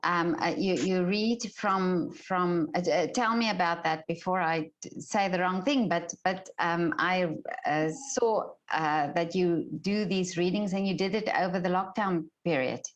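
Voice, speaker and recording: A woman's voice: on the low side, measured pace, few pauses, muffled recording. Hesitant woman interviewer. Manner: hesitant, lots of fillers, encouraging murmurs. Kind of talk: casual interview.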